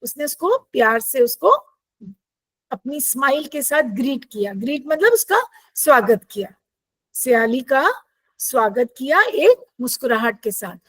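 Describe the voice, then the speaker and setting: A woman teacher, reading English lines slowly and explaining them in Hindi with questions to her students. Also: high voice, very animated, no echo, low-quality recording. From India.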